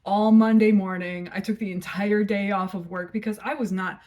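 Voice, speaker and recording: A woman's voice: medium pitch, fairly even intonation, moderate pace, a little mellow. A woman vlogger telling a story in a casual, frank and profane way, rambling with lots of filler words.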